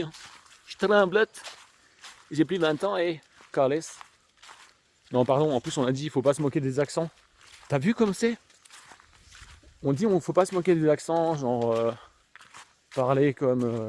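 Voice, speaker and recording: A young man's medium-pitched, dark-toned voice carries an Alsatian accent as he chats slangily to viewers on a countryside walk. He's a vlogger and schoolteacher rambling casually, recorded by handheld camera with rain and faint outdoor noise behind him.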